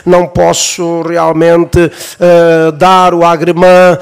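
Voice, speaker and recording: A preacher puts on a polite town-hall official who is plainly out of his depth. He hesitates and stumbles through official terms, and his voice drops a little below the speaker's usual very high pitch. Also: monotone, slow pace, gravelly, clean tone. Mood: apologetic.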